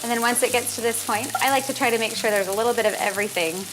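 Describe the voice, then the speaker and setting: A woman cooking on a show, calmly explaining each step of a recipe. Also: fairly high pitch, racing, noisy background. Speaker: cook. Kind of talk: cooking demonstration.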